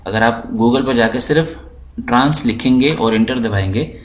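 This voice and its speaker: A man teaching English, explaining slowly and patiently while walking through dictionary and translation tools on his screen, often repeating words for learners. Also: mid-range voice, slight background noise. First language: Urdu. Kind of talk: screen-recorded lesson.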